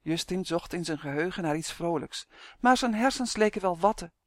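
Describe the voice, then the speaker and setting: A woman narrating a children's story in an expressive storytelling rhythm. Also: fairly low pitch, normal speed, no room sound, clean studio sound. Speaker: audiobook narrator.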